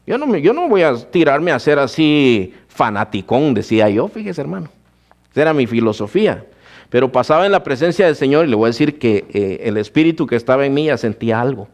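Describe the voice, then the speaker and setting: A man's voice: mid-range voice, darkish tone. A man preaching a sermon, telling his own testimony and calling his listeners brother. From Guatemala. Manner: addresses listeners as brother, storytelling.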